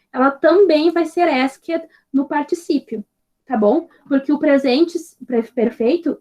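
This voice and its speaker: A woman teaching an English grammar lesson, patient and explaining step by step, checking in with her students after nearly every phrase. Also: high voice. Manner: spells out examples slowly and clearly.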